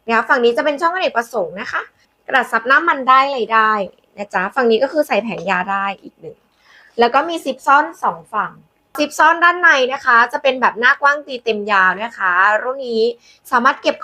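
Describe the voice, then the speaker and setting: A woman hosting a live sales pitch, demonstrating products in a chatty, coaxing way with polite endearments to customers. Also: bright, forceful tone. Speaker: live-selling host presenting handbags.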